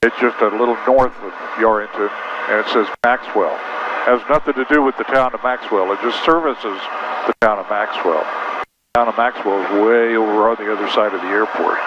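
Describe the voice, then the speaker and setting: A man's voice: lowish voice, a little fast, dull audio. A man working as a flight instructor, talking over a pilot headset, giving directions and repeating key instructions. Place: inside a small plane in flight. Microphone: aviation headset. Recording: noisy band-limited cockpit headset intercom.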